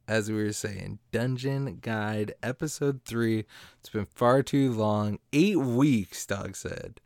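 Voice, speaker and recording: Smooth-voiced man in casual podcast chat. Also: lowish voice, slow pace, darkish tone, no echo, clean studio sound. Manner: laughs often, upbeat. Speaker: podcast co-host.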